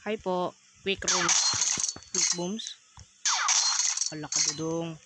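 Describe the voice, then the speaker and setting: A woman's voice: lowish voice, slow. A woman streaming a game in Filipino, chatting casually, teasing opponents and breaking into sudden outbursts. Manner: teasing, playful trash talk with sudden outbursts. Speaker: gamer streamer. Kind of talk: casual gameplay commentary. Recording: loud background noise.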